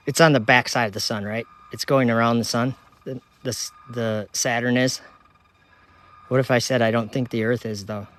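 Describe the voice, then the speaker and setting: Standing by a telescope outdoors at night, a male livestream host from Minnesota, United States, reads comment after comment aloud in a relaxed, easygoing way. His voice is mid-pitched and his speed normal, and he runs through viewers' locations in a chatty list.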